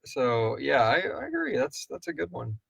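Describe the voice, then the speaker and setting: A slightly high, creaky male voice swings hugely in pitch at normal speed, over background noise. He's the co-host and producer of an audio drama podcast, casually reading out and answering listener questions at a live Q&A in a rambling, jokey, informal way.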